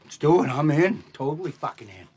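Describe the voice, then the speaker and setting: A man's voice: on the high side, lively intonation, moderate pace, fairly bright tone, slightly rough, heavily acted. An actor playing a nerdy, touchy man who talks in a sarcastic, defensive way. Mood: eager.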